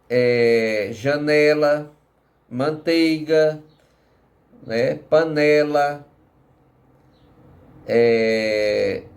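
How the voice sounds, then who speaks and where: A man giving a recorded lesson to children, speaking patiently and checking in with frequent tag questions. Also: a little high. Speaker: teacher.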